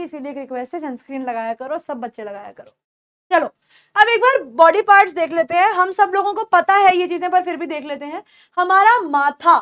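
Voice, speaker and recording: Young female English teacher, Indian accent, high bright pitch, patient classroom drilling of vocabulary. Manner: explains in Hindi mixed with English, repeats words slowly for pronunciation. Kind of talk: spoken English lesson for beginners.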